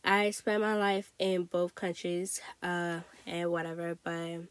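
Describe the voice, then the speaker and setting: A woman's voice: lowish voice, completely flat delivery, slow, no echo. A woman in her late teens from Togo, chatting casually and hesitantly in a rambling, informal solo podcast style. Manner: informal, hesitant, peppered with "you know" and "like". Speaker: podcast host.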